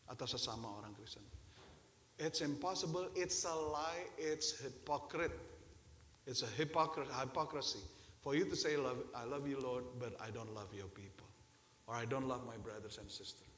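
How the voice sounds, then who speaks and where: Pastor guy preaching, kinda high voice, big echoey church hall, keeps asking the crowd stuff. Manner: mixes Indonesian with English phrases; lively, asks the congregation questions. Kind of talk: sermon.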